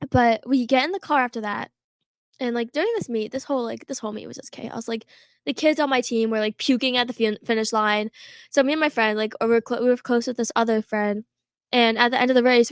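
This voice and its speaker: A high-pitched teenage girl chats through a rambling story, peppering every phrase with "like" and breaking into laughter. Her voice sits close on a podcast mic in a dead, dry room with no echo. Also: fairly even intonation, fairly quick, clear, resonant tone. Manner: chatty, full of "like" fillers, laughs often. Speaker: podcast co-host. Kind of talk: casual storytelling chat.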